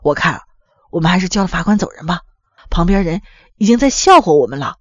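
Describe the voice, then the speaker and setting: A woman's voice: fairly low pitch, sing-song, fast talker, no echo, highs cut off, pitched below the performer's own voice. A woman voicing an embarrassed middle-aged man who mutters apologies to his family. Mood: sheepish.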